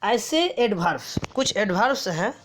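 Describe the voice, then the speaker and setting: A woman's voice: medium pitch, very animated, a little slow, slight background noise. A woman teaching English grammar, reading word lists aloud and asking and answering her own questions. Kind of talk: slow classroom-style grammar lesson.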